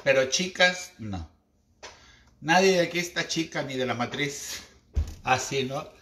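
A man's voice: medium pitch, lively intonation, measured pace, roomy sound, noisy background. A man with a Mexican accent talking in a slangy, chatty, theatrical way, hosting a casual esoteric livestream.

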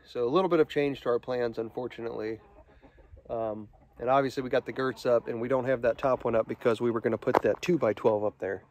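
Outdoors at a building site, a man in his thirties who is building his own barn casually explains the work he is doing. His mid-range voice moves fast. He sounds relaxed, thinking aloud as he goes.

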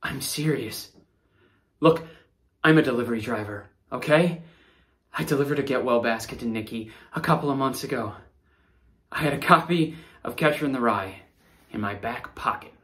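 A man in his thirties playing an earnest, rattled young delivery driver under interrogation, pleading and halting in a naturalistic screen-drama style. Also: medium pitch, fairly bright tone, close to an everyday voice. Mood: earnest, defensive. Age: 30s. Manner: pleading, halting, repeats words. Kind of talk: naturalistic screen acting, audition read. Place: small indoor studio against a backdrop.

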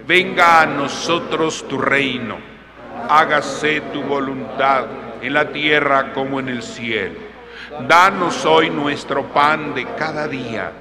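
A man leading Mass as a priest, reciting solemn, measured liturgical prayers in a long cathedral-like echo. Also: a little high, a crowd in the background. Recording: echoing cathedral-like reverb, congregation around.

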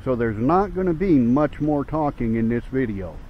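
A man's voice: mid-range voice, lively intonation, normal speed. A man speaking without teeth or dentures, hosting a casual video outdoors in a parking lot. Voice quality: toothless speech, no dentures in. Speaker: video host. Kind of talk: casual talk to camera. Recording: dull lo-fi outdoor recording, traffic noise.

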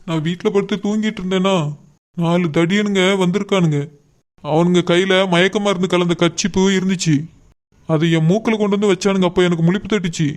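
A man's voice: sits high, natural voice. A man voicing a doting young father, soothing and determined.

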